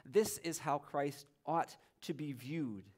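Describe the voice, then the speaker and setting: Earnest male preacher, fairly high voice. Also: slow. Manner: earnest preaching, rising on quoted praise. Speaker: pastor. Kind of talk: sermon. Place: church sanctuary.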